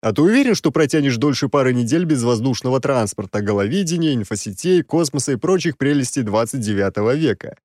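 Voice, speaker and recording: A man's voice: medium pitch, expressive, fast talker, hardly any pauses, dry recording, clean studio sound, lightly acted. A man doing an exasperated six-armed demon. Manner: scolding, sarcastic, loud.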